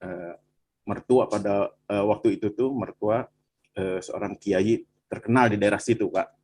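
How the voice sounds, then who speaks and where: A man from Bandung, telling his personal testimony in animated conversation and often addressing the listener as "Pak". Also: lowish voice, measured pace, a little hiss or hum. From Bandung, Indonesia. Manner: animated storytelling, frequent "Pak" and "gitu".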